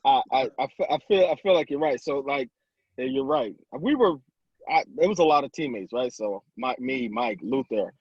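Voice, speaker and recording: A man talking in a measured, apologetic way in a casual podcast chat, with stammered restarts. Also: medium pitch, animated, breathy edge, no echo. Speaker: podcast guest. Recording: dry muffled lo-fi audio.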